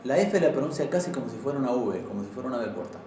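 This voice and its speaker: A man teaching a language class, patiently explaining and repeating words slowly. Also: medium pitch, lively intonation, dark tone, a little hiss or hum. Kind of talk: informal classroom lesson. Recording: very echoey room, from far off.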